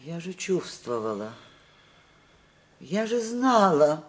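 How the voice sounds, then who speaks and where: Here is a proud old household matriarch in a family drama. Her delivery is wry and theatrical, with very lively intonation. She is stubborn and ironic. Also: lowish voice, slow. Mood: wounded, indignant. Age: older. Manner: wry, theatrical, repetitive interjections. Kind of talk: naturalistic stage or film drama acting.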